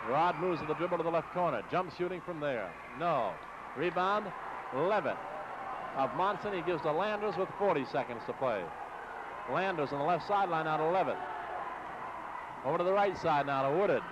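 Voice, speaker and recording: Courtside in a big exposition hall, a man with a fairly high-pitched voice calls basketball live for 1960s AM radio. The American announcer speaks in clipped, running phrases over heavy background noise.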